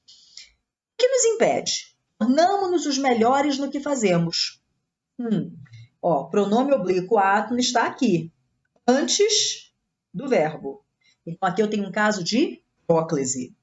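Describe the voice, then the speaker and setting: A Brazilian woman runs an exam-prep grammar lesson, walking through each answer step by step and checking in with her students. Her voice sits fairly high and swoops up and down with plenty of life. The recording sounds a little dull and lo-fi. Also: a little mellow. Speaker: Portuguese teacher.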